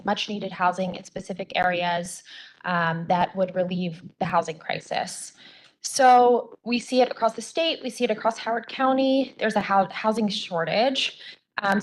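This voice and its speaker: A woman attorney giving public hearing testimony with a voice that is going hoarse, speaking earnestly with frequent ums and restarts. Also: mid-range voice, poor audio.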